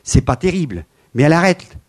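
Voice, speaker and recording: Man, 70s, animated lecturer with slides; bursts of emphasis and murmured asides, slightly high-pitched. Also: brisk. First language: French. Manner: animated, swings from loud emphasis to quiet asides.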